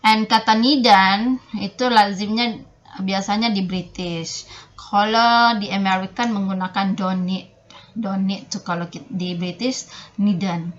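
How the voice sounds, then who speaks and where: A woman lecturer who speaks slowly and haltingly, pausing on fillers and restarting words as she works through her slides. Her recording has a dull, lo-fi quality. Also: mid-range voice, steady tone. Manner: halting, many fillers and restarts, mixing English terms into explanation. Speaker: English lecturer. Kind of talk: online phonology lecture.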